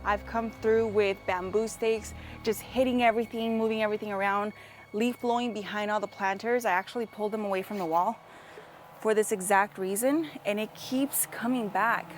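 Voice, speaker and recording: A woman's voice: medium pitch, steady tone, normal speed, soft background music. A young woman vlogging in her garden, talking to viewers in a jumpy, anxious way and repeating herself. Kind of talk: casual vlog talking to viewers. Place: outdoor home garden.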